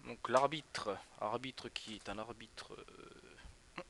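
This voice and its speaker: A young Twitch streamer from northeastern France rambles casually about a football match while greeting viewers by name. His mid-range voice is slow with a sharp tone.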